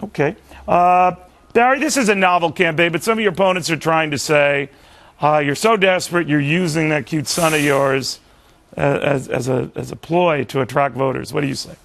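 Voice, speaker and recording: Creaky-voiced male TV interview host. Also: on the high side, a bit bright. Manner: halting, backtracks and repeats words. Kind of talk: conversational broadcast interview.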